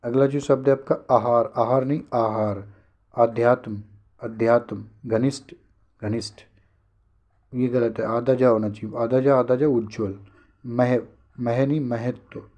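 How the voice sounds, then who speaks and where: Mellow-voiced man correcting spellings. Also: medium pitch, steady tone, dull audio. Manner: brisk, repeats each word to correct it. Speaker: exam prep teacher. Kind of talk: spelling lesson.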